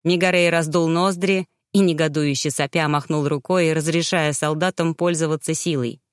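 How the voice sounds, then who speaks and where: A woman narrating a fantasy novel in an even storytelling manner. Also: deep voice, normal speed, dry recording, studio quality. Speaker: audiobook narrator. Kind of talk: scripted narration.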